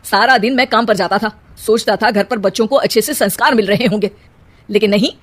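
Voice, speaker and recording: A woman voicing a blunt, irritable middle-aged father in a cartoon story, talking in a gruff, scolding way. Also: medium pitch, brisk, natural voice.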